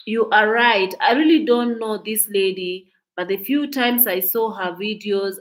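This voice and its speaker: A woman with a Kenyan accent delivers reaction commentary straight to her viewers. Her voice sits at an ordinary middle pitch. She talks in an outspoken, indignant way, repeating and restarting phrases as she makes her points. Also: fairly bright tone, rough recording. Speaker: commentary vlogger.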